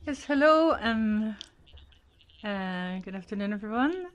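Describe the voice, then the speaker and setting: A woman from El Salvador speaking as a webinar panelist over a video call, halting with frequent fillers. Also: mid-range voice, expressive. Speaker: panelist from an advocacy association. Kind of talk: panel remarks.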